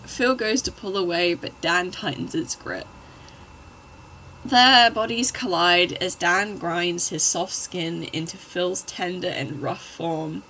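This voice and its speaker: Slow, bright-voiced woman reading fanfiction. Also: fairly low pitch, a little hiss or hum, low-quality recording. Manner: wry, exasperated asides. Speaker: channel host. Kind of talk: reading fanfiction aloud with commentary. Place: at home.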